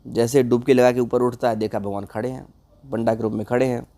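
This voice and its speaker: A man's voice: mid-range voice, level tone, fairly quick, warm tone. A man narrating a comic folk tale in a loose, conversational way, addressing his viewers. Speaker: storyteller.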